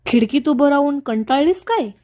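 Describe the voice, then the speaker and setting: A woman's voice: animated, moderate pace. A woman doing a furious betrayed young woman. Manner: shouting accusations, high and sharp.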